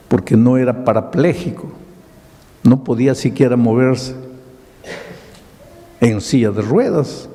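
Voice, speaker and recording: Older male pastor, Peruvian Spanish accent, dramatic sermon storyteller; mellow, gravelly tone in a reverberant hall. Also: medium pitch. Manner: dramatic preaching, acts out dialogue.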